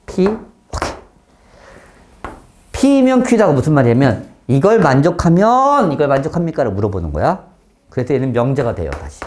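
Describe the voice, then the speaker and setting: A man teaching a math class, often stopping to check that students follow and switching between polite and blunt speech, with sudden loud exclamations. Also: a little high, slight background noise.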